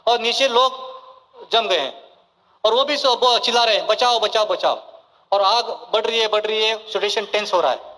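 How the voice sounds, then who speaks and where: A man's voice: sits high, moderate pace, bright, forceful tone. A man giving a motivational seminar speech in a large hall, mixing Hindi with English phrases and often checking in with his audience. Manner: keeps checking in with the crowd, asking for yes or no and saying okay. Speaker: motivational business speaker. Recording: reverberant hall sound.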